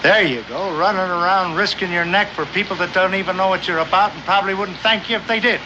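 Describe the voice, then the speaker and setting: A man's voice: high voice, quick pace, lightly acted. An actor playing a scheming, self-interested frontier father in a 1960s TV western, wordy, mock-formal and argumentative. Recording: muffled, noisy old TV soundtrack.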